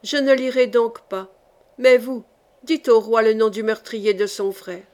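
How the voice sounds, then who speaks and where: A woman's voice: fairly high pitch, unhurried, a little mellow. A woman voicing a relentless medieval noblewoman in an audiobook, giving cold, insistent commands. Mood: commanding. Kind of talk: audiobook reading.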